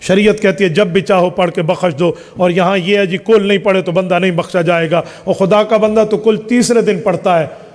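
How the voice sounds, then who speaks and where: High-voiced preacher in an echoing hall. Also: male voice, steady tone, fairly quick. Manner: emphatic, rhetorical questions, lists points one by one. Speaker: Islamic scholar answering questions. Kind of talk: religious question-and-answer talk. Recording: long hall reverb.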